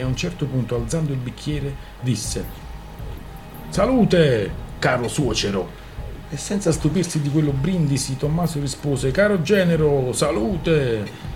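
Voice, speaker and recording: A man reading a novel aloud for a radio show in a measured, even storytelling manner. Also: medium pitch. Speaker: narrator, radio reader.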